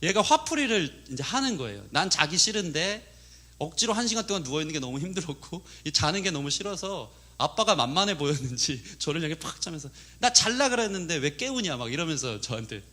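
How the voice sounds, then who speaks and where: Male pastor, thirties, bright, sharp tone, animated sermon storytelling. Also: a little high, fairly quick. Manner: storytelling with acted quotes and laughter.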